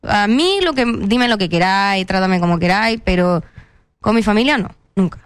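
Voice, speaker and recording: A young woman with a Chilean Spanish accent chats as a guest in a casual interview, playful and self-mocking. Her medium-pitched voice is smooth and moves at a moderate pace, and the recording is dry.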